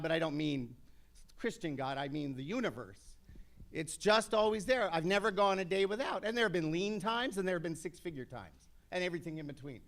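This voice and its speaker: A man in his fifties on an actors' panel, telling brash, animated stories with comic asides to an audience. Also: a little high. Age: 50s.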